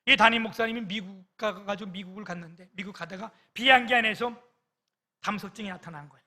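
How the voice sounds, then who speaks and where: Bright, high-voiced male pastor preaching. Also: quick pace. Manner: storytelling with emotional swings and quoted voices. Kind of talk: sermon.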